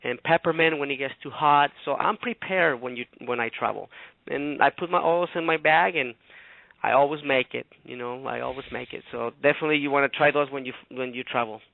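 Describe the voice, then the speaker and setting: A man's voice: medium pitch, a little fast, gravelly, no echo. Man from Ecuador on a phone line. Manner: chatty, rambling, animated retelling. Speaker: guest co-host. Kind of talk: casual storytelling on a radio show.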